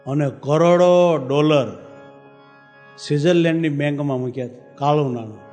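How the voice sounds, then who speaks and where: High-voiced man preaching in a hall. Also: normal speed. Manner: lively storyteller, acts out dialogue, chants verses. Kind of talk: storytelling sermon. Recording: reverberant hall with faint music.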